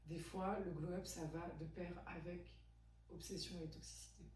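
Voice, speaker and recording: A woman's voice: on the low side, steady tone, moderate pace, darkish tone. A woman in her twenties hosting a podcast, talking in a chatty, emphatic way and asking probing questions. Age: 20s. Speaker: podcast host. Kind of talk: casual conversation. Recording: echoey room, distant mic, faint hum.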